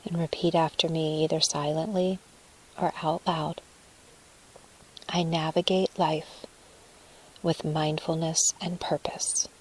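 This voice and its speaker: A woman guides a meditation in a low, soft, breathy voice that soothes, barely shifting in pitch. She sets down each phrase with care and lets pauses linger between them, though the recording is rough.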